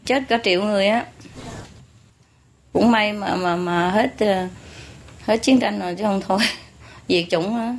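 A woman's voice: medium pitch, unhurried, long pauses. A woman with a Southern Vietnamese accent giving an informal, joking teaching talk to her followers, often tagging her points with questions. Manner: chatty, joking, full of rhetorical tag questions. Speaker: spiritual teacher. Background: audience laughter.

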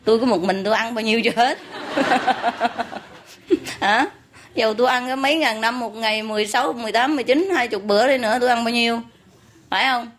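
A woman's voice: a little high, fast, pauses often, a bit bright. A woman with a Southern Vietnamese accent giving an informal, joking teaching talk to her followers, often tagging her points with questions. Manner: chatty, joking, full of rhetorical tag questions. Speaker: spiritual teacher. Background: audience laughter.

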